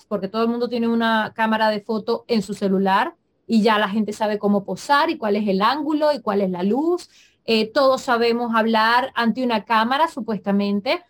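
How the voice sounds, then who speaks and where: Woman, from Venezuela, interviewer, measured, wordy questions, fairly high voice.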